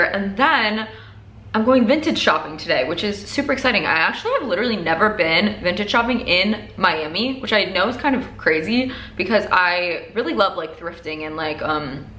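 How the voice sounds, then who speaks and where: A woman's voice: mid-range voice, sharp tone. A young woman chatting casually to camera as a lifestyle vlogger, rambling along and peppering her sentences with "like". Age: young adult. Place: indoors at home, mostly a living room or bedroom. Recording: echoey room with faint noise.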